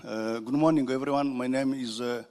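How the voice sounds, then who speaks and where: Halting man from Mali. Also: medium pitch, fairly even intonation, warm tone. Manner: slow, halting, many fillers. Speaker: audience member. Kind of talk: question from the floor. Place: conference hall.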